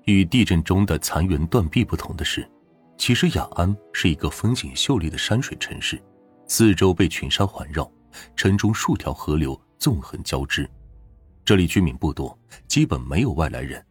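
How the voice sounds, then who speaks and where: A man narrating true crime from a script in a measured, serious storytelling way. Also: sits low, expressive, husky. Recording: roomy echo with faint music. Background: faint background music.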